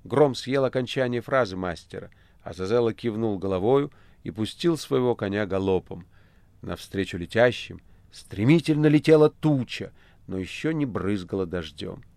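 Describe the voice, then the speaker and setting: Low-voiced male audiobook narrator. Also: moderate pace, no room sound. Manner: dramatic, expressive. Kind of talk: literary audiobook reading.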